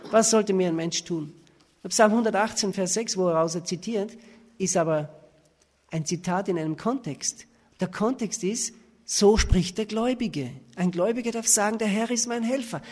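A man's voice: sits high, a little mellow. A man preaching a sermon, reading verses aloud and pressing his points with emphatic rhetorical questions. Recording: reverberant hall.

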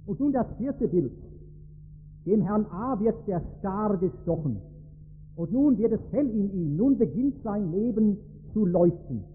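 A man's voice: high voice, expressive, unhurried, slightly rough. A man preaching a sermon, telling stories with emphasis and rising to stress key words. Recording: tinny phone-like sound in a reverberant hall.

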